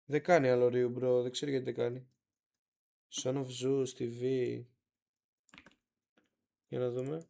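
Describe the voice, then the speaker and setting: A man with a middling pitch runs a casual live stream, commenting over clips in a loose, slangy way. His delivery is relaxed and half-muttered, with vocal fry and long pauses, like he's chatting with friends.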